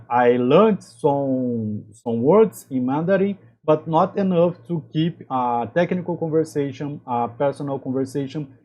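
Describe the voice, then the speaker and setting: A Brazilian man, a native Portuguese speaker with a Brazilian accent, gives career advice to camera as a chemical engineer and channel host. His English is halting, full of restarts, in a medium-pitched voice, and the audio sounds dull.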